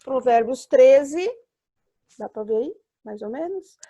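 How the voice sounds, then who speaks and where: A woman's voice: high voice, animated, slow, dark tone, slight background noise. A woman with a Brazilian Portuguese accent teaching an online Bible course, explaining step by step and asking and answering her own questions. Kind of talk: online class lecture.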